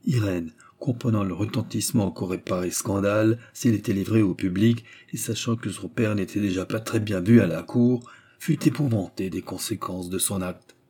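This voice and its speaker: A man giving a measured, steady scripted narration of a novel as an audiobook narrator. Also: fairly low pitch, husky.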